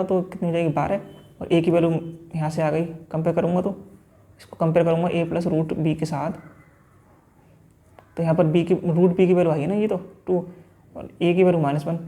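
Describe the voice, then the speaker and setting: Gravelly dark-voiced guy doing a math lesson, flat delivery, keeps asking then answering himself. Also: high-pitched. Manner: talks through each step, asks and answers himself. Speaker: math teacher. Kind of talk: exam-prep math lesson.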